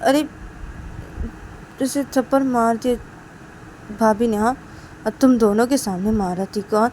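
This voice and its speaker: A woman's voice: fairly high pitch, steady tone, measured pace, a little mellow, slight background noise, lightly acted. A woman voicing an indignant young man. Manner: indignant, agitated. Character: young man upset on his sister's behalf.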